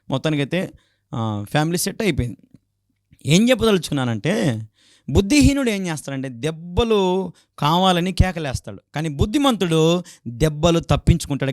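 A male pastor from Andhra Pradesh with a Telugu accent preaches a sermon in a fairly high voice, acting out quarrels in raised voices. He frequently shouts fervent hallelujahs. The recording is dry and clean, with studio sound.

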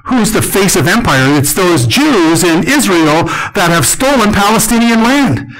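Older male conference speaker, slightly high voice, lively storyteller who acts out the lines of the people he quotes. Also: a little slow, low-quality recording. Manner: animated storyteller, acting out quotes.

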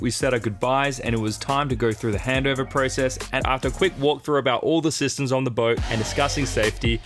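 A young Australian man vlogging casually and narrating his sailing trip, excited and laid-back. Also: medium pitch. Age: young adult. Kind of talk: casual vlog chat and voice-over narration. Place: catamaran cabin and deck. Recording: music playing underneath.

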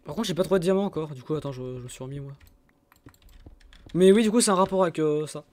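This young man laughs often as he chats casually with friends while streaming a game, scrolling back through old messages. His voice is a little high and darkish, and he speaks fast.

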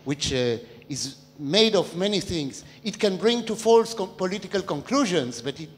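An older man in the audience asking a long public question into a handheld mic, talking in a discursive way with hesitant pauses. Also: high-pitched, expressive. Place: large dark hall with an audience, standing. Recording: long reverb of a large hall.

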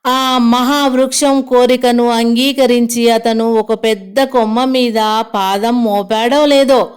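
A woman's voice: a little high, steady tone, slow, clean tone. A woman storyteller reading a simplified retelling of an ancient epic aloud, keeping the quoted lines close to her own voice.

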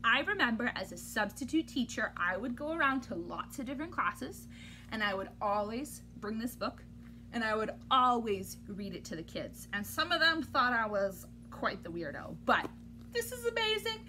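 In a small room at home, a thirtysomething woman performs a children's picture book like a teacher, hamming it up with mock exasperation. Her bright, forceful voice sits fairly high, very animated, at a normal speed. The recording is low quality and carries clear background noise.

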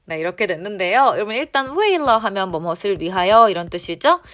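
A woman teacher giving an online language lesson, explaining drama dialogue with animated, coaxing questions to her viewers. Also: medium pitch. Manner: reads lines slowly and clearly for practice.

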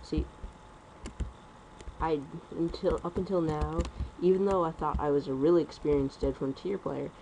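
Rambling young guy, mellow voice. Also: a little high, fairly even intonation, gravelly, a little hiss or hum, poor audio. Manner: rambling, fast, self-correcting. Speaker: gaming commentator. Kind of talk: casual gameplay commentary.

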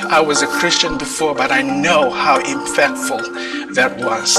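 A man from Fiji telling his earnest, reflective testimony in a mission video, heard as it plays in a church. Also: medium pitch. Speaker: children's ministry worker. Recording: video played over church speakers with loud music, from far off.

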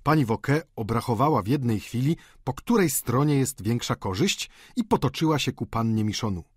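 Man, audiobook narration, measured storytelling, animated pitch, dry close sound. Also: husky, no echo.

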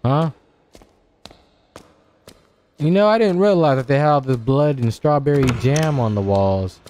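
A man's voice: medium pitch, lively intonation, measured pace, a little mellow, slight background noise. A young man streaming a horror game with scared commentary, playfully scolding the game's characters as he talks to them.

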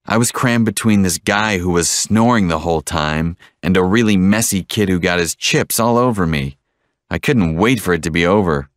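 A man reading one side of a scripted English-lesson dialogue, repeating each line slowly and clearly. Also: sits low, dry recording, clean studio sound.

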